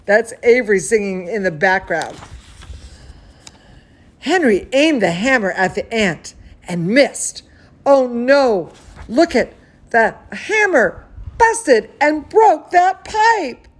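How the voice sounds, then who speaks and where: Speaking slowly in a fairly high, sing-song voice, a woman reads a bedtime story aloud for young listeners. She breaks in with chatty, affectionate asides and exclamations; she's a children's bedtime story host as well as a cooking teacher.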